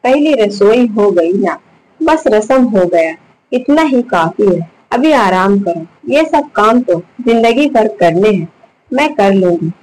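A woman's voice: mid-range voice, animated, slow pace, a little mellow, rough recording. A woman voicing a doting, insistent middle-aged mother-in-law in a spoken story. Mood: coaxing. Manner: affectionate, insistent.

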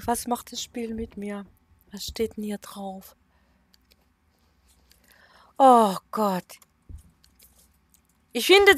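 High-voiced jittery woman gaming. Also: dry recording. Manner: nervous, talks to herself, frequent frightened exclamations. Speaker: let's play gamer. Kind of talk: casual horror game commentary.

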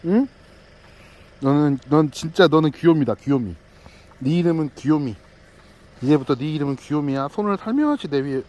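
A man's voice: mid-range voice, a little mellow. A male delivery driver in a casual vlog, cooing and teasing two small dogs outdoors in baby talk. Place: outdoors at a house yard.

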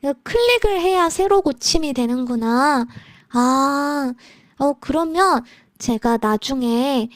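A woman's voice: high voice, expressive, slow, no room sound, studio quality. A woman live streaming as a virtual idol, chatting casually with viewers in a cute anime streamer manner, playfully whiny and teasing.

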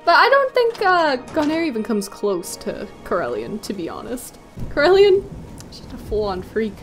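High-voiced, wry young woman gaming. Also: wildly swooping pitch, normal speed, faint music behind. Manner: wry, sarcastic. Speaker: let's play host. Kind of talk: casual gaming commentary.

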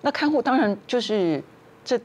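A woman's voice: on the high side, animated, moderate pace, a little mellow, highs cut off, slight background noise. A woman, a talk show guest telling a family story and acting out the quarrels in raised voices.

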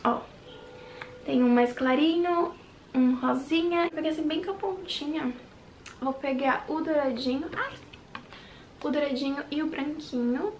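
A Brazilian woman talks straight to her camera in a casual makeup vlog. Her voice sits high, and she gushes excitedly, then drops to a whisper now and then. A faint hiss runs under the recording. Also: unhurried, pauses often. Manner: gushing and excitable, dropping into whispers. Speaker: beauty vlogger. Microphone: handheld compact camera.

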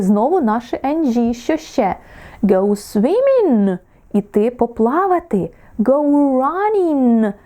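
This is a woman from Ukraine leading an online English pronunciation lesson. Her voice sits a little high but sounds dark and mellow. She talks slowly with a very animated melody, encouraging her students and stretching out each example word. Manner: warm encouraging teacher, drawing out example words slowly.

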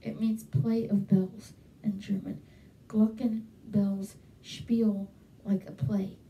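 Taking it slowly, a young woman with a gravelly, mellow, medium-pitched voice and a level tone talks to camera in a casual, enthusiastic bedroom vlog, using frequent fillers. The recording is muffled, with a roomy echo and a distant feel, despite a handheld mic held close and a webcam in her small bedroom at home.

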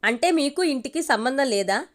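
A woman's voice: high voice, expressive, moderate pace. A woman reading the part of a doting middle-aged mother who scolds her husband and son. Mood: scolding. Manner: scolding, complaining.

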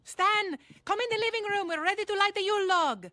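A woman's voice: extremely high pitch, brisk, bright, forceful tone, no echo. A woman voicing a doting, hospitable middle-aged mother in a cartoon. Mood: eager, hospitable. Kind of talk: animated cartoon voice acting.

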